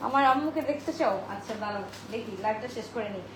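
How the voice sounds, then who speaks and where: A woman's voice: on the high side, fast. A woman hosting a live-stream dress sale, chatty, greeting viewers by name and mixing in English phrases, speaking into a phone. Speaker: online boutique seller hosting a live sale. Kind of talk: live-stream sales pitch. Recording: roomy echo with steady background noise.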